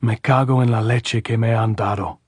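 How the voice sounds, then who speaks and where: A man voicing a rough, grieving guerrilla fighter who talks bluntly and swears. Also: mid-range voice, steady tone, normal speed, no room sound, studio quality, lightly acted.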